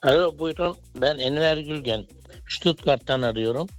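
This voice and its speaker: A man's voice: fairly high pitch, moderate pace, soft background music. A middle-aged man calling a radio show over a landline phone, chatting casually and heaping chummy praise on the host. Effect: heard over a landline phone line.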